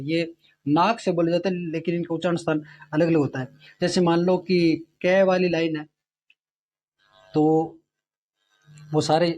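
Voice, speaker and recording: A man with a slightly raised voice teaching Hindi grammar for competitive exams. He explains each point step by step, slows down to sound out letters, and keeps checking in with his class. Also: on the high side, a little mellow. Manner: repeats sounds slowly to demonstrate them. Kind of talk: exam-prep lesson.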